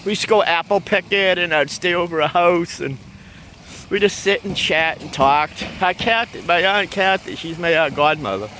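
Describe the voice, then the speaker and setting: Strolling outdoors on a city street, this Massachusetts man tells personal stories for his vlog with affectionate, rambling, repetitive storytelling. His high, expressive voice moves at a normal speed over background noise.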